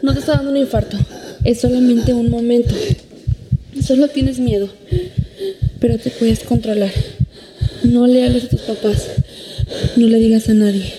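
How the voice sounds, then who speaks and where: A young woman actor playing a girl who talks softly and tiredly to her parents, then tries to talk herself down through a panic attack. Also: fairly high pitch, steady tone, normal speed, pauses often, background noise. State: anxious and panicky. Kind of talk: scripted drama acting.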